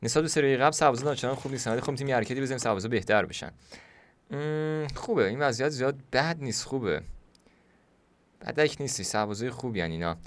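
A young man casually commentating a video game he plays, joking, chatting to the game characters and sometimes bursting into shouts. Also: medium pitch. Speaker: gaming YouTuber. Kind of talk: casual Let's Play commentary.

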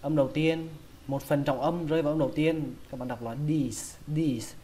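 A man's voice: on the high side, fairly even intonation, normal speed, mellow, slight background noise. A man with a Vietnamese accent teaching English vocabulary, patiently repeating each word several times. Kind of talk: pronunciation lesson.

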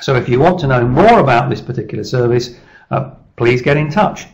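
A middle-aged man giving a persuasive business presentation over slides on a webcam call, steady and measured with small restarts. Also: mid-range voice, highs cut off. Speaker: leadership speaker presenting his service. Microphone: webcam video call.

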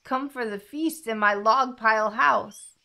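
A woman voicing a sly, hungry male snake in a storybook read-aloud, speaking in a hushed way. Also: on the high side, measured pace, creaky, exaggerated voice.

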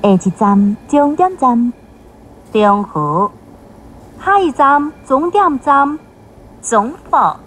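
A woman making measured, clearly enunciated train announcements, heard over the carriage's intercom loudspeaker. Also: sits high, big pitch swings. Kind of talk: recorded transit announcements.

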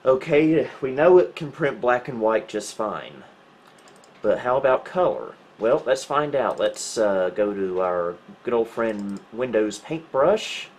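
In a small room at home, a man hosting a retro computing video thinks aloud through tech troubleshooting, casual and wry. His medium-pitched voice has lively intonation and a slightly slow pace.

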